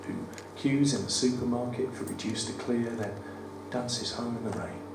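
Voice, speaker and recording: A performance poet with a croaky voice and a West Midlands English accent reads his poems at a live cabaret event in a studio theatre, trading wry, self-deprecating banter. His pitch is medium and his speed normal. The mic picks him up from afar in the roomy venue, with audible room noise and audience ambience.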